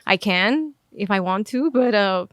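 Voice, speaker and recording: A woman's voice: medium pitch, lively intonation, unhurried, no echo. Brief: young woman born in Armenia, podcast guest, candid and searching, dry mic. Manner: candid, thinks aloud with many fillers. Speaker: podcast guest, music video director. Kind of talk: casual interview chat.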